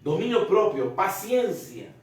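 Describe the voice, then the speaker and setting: A man's voice: high-pitched, big pitch swings, takes it slowly, darkish tone, distant mic. A man preaching a family Bible study sermon, earnestly repeating phrases and putting questions to his listeners. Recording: very echoey room, voice from off the mic.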